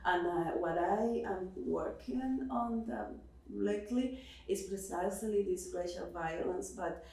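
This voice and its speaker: Speaking off the cuff at an academic panel, a professor born in Cuba uses a low, creaky, somewhat dark voice at a measured pace. She hesitates often, restarting and filling gaps. The distant microphone catches the echo of the seminar room.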